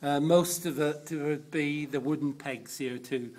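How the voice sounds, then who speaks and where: A man working as a cathedral tour guide, explaining things informally and in a halting, unscripted way. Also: on the high side, steady tone, darkish tone.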